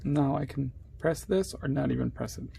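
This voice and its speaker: A man's voice: mid-range voice, moderate pace, gravelly, dark tone, husky. A man giving a casual, step-by-step phone repair demonstration at his workplace, chatting to viewers while he works with his hands.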